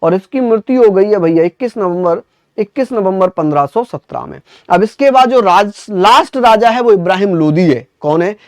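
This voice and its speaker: High, clear-voiced male history teacher. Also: expressive, normal speed, no echo. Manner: repeats questions and answers for drilling, chatty asides to students. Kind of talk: online exam-prep lecture.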